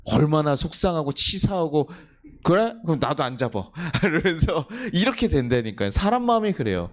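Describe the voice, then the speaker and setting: A middle-aged male pastor preaching a sermon in a church. He keeps putting questions to the congregation and then answers them himself. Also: a little high. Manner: acts out quoted family scolding in a livelier voice. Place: church sanctuary.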